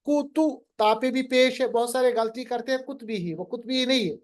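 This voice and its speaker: An online Quran lesson features a man with an extremely high voice and fairly even intonation, who checks his student's knowledge and slowly elongates the words he recites.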